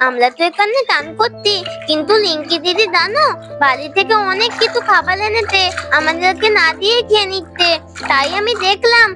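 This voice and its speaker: Woman doing a little girl, very high voice, bubbly and excited, doll cartoon, soft kids' music behind. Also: fairly quick. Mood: tattling. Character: cheerful little girl Isha, playful and greedy for sweets.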